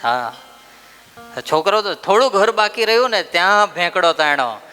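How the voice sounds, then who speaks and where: A male preacher telling a story in a lively sermon, full of rhetorical questions to the audience. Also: high-pitched, moderate pace, clear, resonant tone, long reverb tail, soft background music. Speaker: preacher giving a religious discourse.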